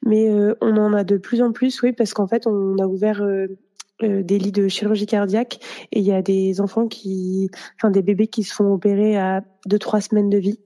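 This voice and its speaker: Mellow-voiced woman in her thirties, hesitant. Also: medium pitch, flat delivery, normal speed. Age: 30s. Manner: hesitant, many fillers. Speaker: guest, pediatric nurse and lactation consultant. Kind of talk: casual interview answers.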